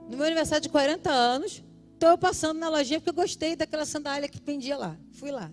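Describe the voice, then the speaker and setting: A woman in her forties preaches at a church service, her voice high and lively. She tells personal stories with laughter and acts out the voices in them. Soft music plays faintly behind her. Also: fast talker. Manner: animated, laughing, acting out voices. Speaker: pastor. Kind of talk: sermon with personal storytelling.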